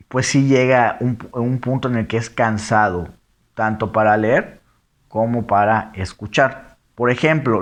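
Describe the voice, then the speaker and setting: A man explaining diction errors in a lesson, reading example phrases slowly and then quickly. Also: medium pitch. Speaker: teacher. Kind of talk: lecture on diction.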